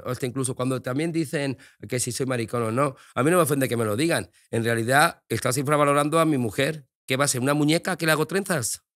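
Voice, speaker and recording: A man's voice: medium pitch, quick pace, hardly any pauses, fairly bright tone, no echo, clean studio sound. A middle-aged man, a guest in a casual interview chat, talking frankly and expressively and swearing freely.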